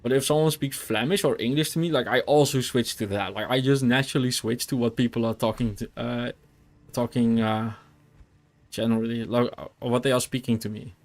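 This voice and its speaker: A man's voice: medium pitch, fairly even intonation, brisk. A young Dutch man with a Dutch accent, chatting casually while streaming a game, rambling with fillers and restarts. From Netherlands. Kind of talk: casual gameplay chat.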